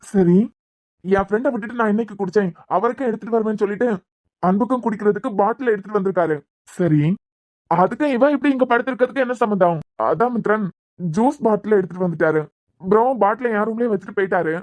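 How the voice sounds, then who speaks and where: A woman voices an exasperated young man in a cartoon web series, talking fast and sarcastic with a Kanyakumari Tamil accent. Her mid-range voice sounds close and dry. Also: mid-range voice, a little mellow, no room sound, close to an everyday voice. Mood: explaining. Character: exasperated young man, patient but fed up.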